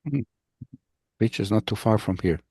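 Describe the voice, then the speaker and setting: During online class introductions on a video call, a male professor teaches in a rambling, anecdotal way, interrupting himself and often restarting sentences. His lowish, mellow voice has lively intonation and a moderate pace. There's no room sound.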